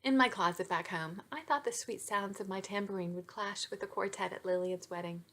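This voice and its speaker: A woman's voice: mid-range voice, brisk, a bit bright, close to an everyday voice. A woman author voicing a snippy, teasing young heroine in a romance novel reading. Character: sharp-tongued young woman, a witty liberal.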